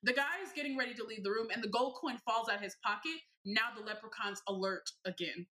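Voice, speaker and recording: High-voiced woman telling a wild story. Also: fairly quick, echoey room. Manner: animated, profane storytelling with quoted asides. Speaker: podcast co-host. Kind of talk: casual chat.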